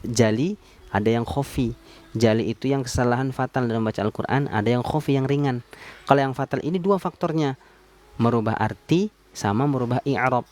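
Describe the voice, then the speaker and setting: A man teaching Quran recitation on a live stream, patiently repeating sounds slowly to demonstrate them. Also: medium pitch.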